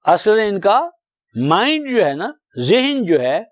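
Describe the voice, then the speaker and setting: A man's voice: high voice, very animated, dry recording. A man in his seventies giving a Quran commentary lecture, explaining word by word and asking many rhetorical questions. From Pakistan. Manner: slow, drawn-out recitation of verses. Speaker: Quran teacher.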